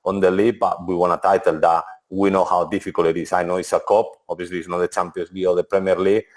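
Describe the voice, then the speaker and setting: A former footballer in his forties gives relaxed interview answers in non-native English, his voice low with little pitch movement and a quick pace. He restarts often and keeps saying "to be honest."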